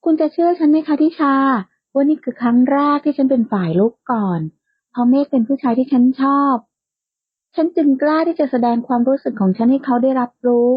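A woman's voice: high voice, a little fast, breathy edge, no echo. A woman voicing a bold, playful young woman who likes to tease, in a lightly lo-fi, dry recording. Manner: playful and outspoken, bright and teasing.

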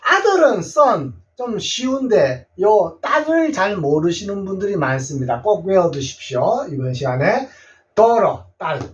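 A man's voice: high voice, sing-song, measured pace. A man teaching a patient blackboard language lesson to seniors, repeating each word and checking in with his listeners. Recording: distant, dull lo-fi sound.

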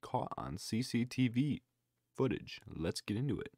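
A man's voice: mid-range voice, lively intonation, measured pace, a little mellow, no echo, clean studio sound. A young man giving loose, casual running commentary on fail clips, full of exclamations. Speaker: reaction video creator.

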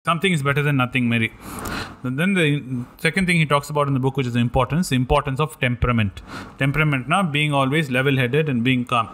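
Brief: South Indian male podcast co-host, native Tamil speaker, mid-pitched, very rapid explanatory talk, some background noise. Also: a bit bright. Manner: switches between English and Tamil. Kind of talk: casual discussion, explaining.

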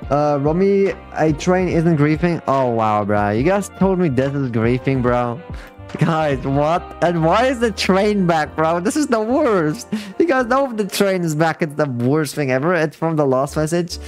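A man's voice: fairly high pitch, lively intonation, measured pace. A man chatting casually and slangily as he hosts a live game stream and comments on players to his audience. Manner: slangy, addressing viewers and players as bro and guys. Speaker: live streamer hosting a game fashion show. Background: music playing behind the voice.

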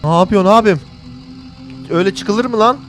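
A man's voice: sits high, brisk, music in the background. A man commentating a horror game in a jokey way, reading its lines aloud and yelping when startled. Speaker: gaming channel host. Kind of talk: let's play commentary.

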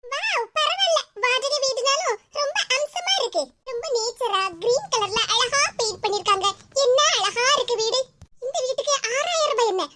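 A woman voicing a squeaky scheming cartoon neighbor. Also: pushed and bright, no room sound, exaggerated voice. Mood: gushing. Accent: Tirunelveli Tamil. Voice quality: high and squeaky. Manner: coaxing, sugary, then plotting. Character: scheming sweet-talking woman neighbor, meddling. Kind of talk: cartoon voice acting.

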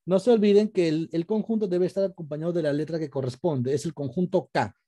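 Guy teaching a class over video call, patient, warm mellow tone. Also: fairly high pitch, fast. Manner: patient, explains step by step, asks students questions. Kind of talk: online class lesson.

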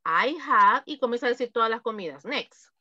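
A woman's voice: a little high, lively intonation, pushed and bright, no echo, dull audio. Woman, English teacher, patient explaining, dry close sound. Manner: patient, explains slowly, repeats examples. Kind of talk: online class instruction.

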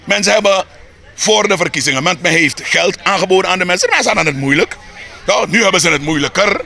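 A man's voice: high voice, expressive, quick pace, vocal fry, bright, forceful tone. A man from Suriname with a Surinamese Dutch accent, speaking heatedly in a street interview, asking rhetorical questions and repeating words as he builds his points.

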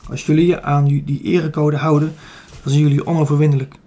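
A man's voice: on the high side, little pitch movement, fast talker, warm tone, close to an everyday voice. A man voicing a dignified male emperor who thanks his soldiers in a solemn, grateful address.

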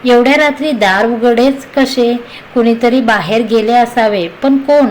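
Woman narrator voicing a timid young wife, anxious, high voice. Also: measured pace, slight background noise, close to an everyday voice, poor audio. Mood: frightened. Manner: anxious, talking to herself.

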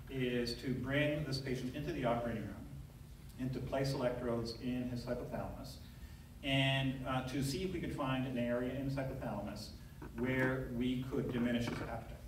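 Recorded from far back by an audience camera, a middle-aged neurosurgeon stands at a lectern in a large, very echoey lecture hall, giving a conversational conference talk. His voice is medium-pitched with fairly even intonation and a moderate pace as he tells a story with frequent fillers, and a little hiss or hum is audible.

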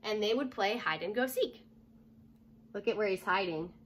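A young adult woman reads a children's picture book aloud in a furnished room at home, explaining things and asking simple questions along the way. Her medium-pitched voice is expressive and moderately paced, with slight background noise.

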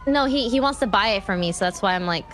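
A young woman chatting in character in a roleplay game, bubbly and animated, often giggling. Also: medium pitch, fast talker, slight background noise. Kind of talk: casual in-character roleplay chat.

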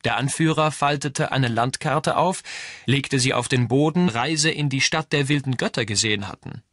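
A man reading a novel aloud as audiobook narrator, in an even storytelling delivery. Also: mid-range voice, normal speed, no echo, studio quality. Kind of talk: scripted narration.

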